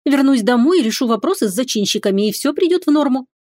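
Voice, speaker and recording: A woman reading an audiobook, voicing a proud, sharp-tongued young witch heroine who talks in a defiant, mocking way. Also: high voice, expressive, quick pace, dry recording, studio quality, pitched above the performer's own voice. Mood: indignant.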